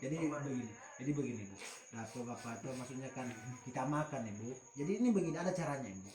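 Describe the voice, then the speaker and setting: A man's voice: mid-range voice, expressive, fast, reverberant. A man leading a spiritual healing session, switching between coaxing, reassuring talk and murmured Arabic prayers. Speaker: spiritual healer.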